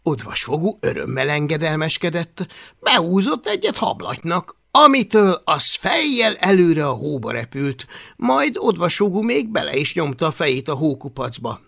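Brief: male storyteller, bright tense tone, gravelly edge, animated delivery, audiobook narration. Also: a little high. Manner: expressive storytelling. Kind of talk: scripted narration.

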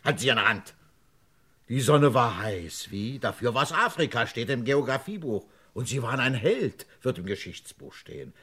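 A man's voice: medium pitch, a bit bright, slightly rough. An actor playing a pompous, contemptuous middle-aged businessman in cutting, scornful stage speech for a 1960s radio drama. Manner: scornful, cutting, orders people about.

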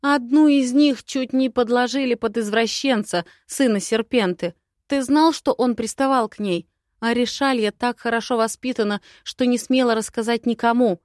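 A woman's voice: fairly high pitch, normal speed, no room sound, studio quality, pitched above the performer's own voice, natural voice. A woman voicing a fiery, defiant young heroine. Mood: defiant, angry. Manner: shouting, defiant. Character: hot-tempered young woman, bride-to-be heroine.

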